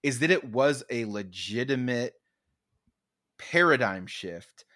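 A man's voice: mid-range voice, expressive, slow pace, pushed and bright, dry recording, studio quality. A man co-hosting a comedy podcast, talking casually with lots of restarts and playful mock quotes of his own thoughts. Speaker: podcast co-host. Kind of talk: casual chat.

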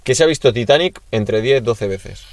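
A man's voice: mid-range voice, lively intonation, normal speed, a little hiss or hum. A young man, chatting casually on a podcast, swearing and teasing his friends. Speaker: podcast host. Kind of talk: casual chat.

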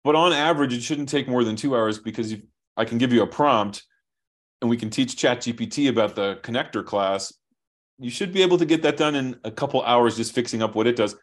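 A man on a video call walks through his software as he shares his screen. He talks briskly and thinks aloud, often restarting a phrase. His pitch sits at an ordinary middle height. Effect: heard over a video call. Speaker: software company founder as guest. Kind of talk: explaining software while sharing screen.

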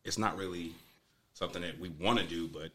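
A man with a very low voice. He speaks casually, as one of several people in a discussion. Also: a little fast, pushed and bright. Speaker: panel discussion participant. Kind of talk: casual chat.

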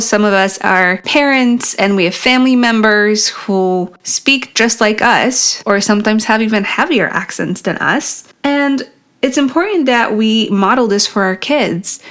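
An earnest woman hosting her own podcast, speaking straight to her listeners in a solo talk. Her pitch sits in the middle range for a woman, and her delivery is steady and encouraging. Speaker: podcast host.

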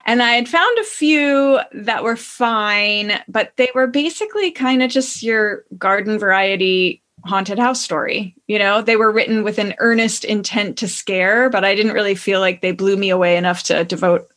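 A woman's voice: mid-range voice, normal speed, hardly any pauses, fairly bright tone. A woman co-hosting a podcast, casually and cheerfully retelling a story and reading from it. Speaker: podcast co-host.

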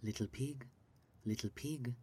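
A man voicing a menacing big bad wolf in a bedtime story, with low, hushed, drawn-out threats. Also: breathy edge. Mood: threatening.

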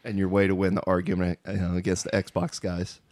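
A man's voice: low voice, monotone, brisk, darkish tone, dry recording. A man co-hosting a podcast, throwing in wry, teasing remarks. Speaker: podcast co-host. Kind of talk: casual podcast chat.

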